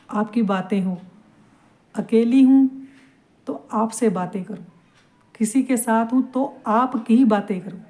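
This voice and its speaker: Middle-aged woman from punjab, warm mellow voice, tender and confiding, chatting to her little idol like a friend. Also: mid-range voice. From Punjab, India. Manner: soft, tender, confiding, addresses the idol directly. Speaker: devotional vlogger. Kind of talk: casual devotional talk to her deity idol.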